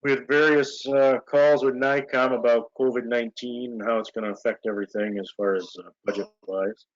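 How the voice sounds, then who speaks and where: A man's voice: mid-range voice, brisk, no echo. A man chairing a village board meeting over a video call, talking casually with lots of fillers. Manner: relaxed, rambling with many fillers. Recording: muffled lo-fi video call audio.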